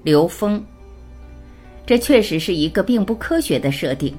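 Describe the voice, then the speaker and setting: Animated woman reading an interview aloud. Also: lowish voice, normal speed, husky, faint music behind. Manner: reads both sides and the speaker labels aloud.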